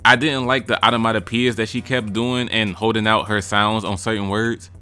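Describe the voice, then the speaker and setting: A man's voice: lowish voice, level tone, moderate pace, sharp tone, clean tone, faint music behind. A man giving casual ranking commentary on rap verses, blunt, profane and mocking. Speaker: music reaction vlogger.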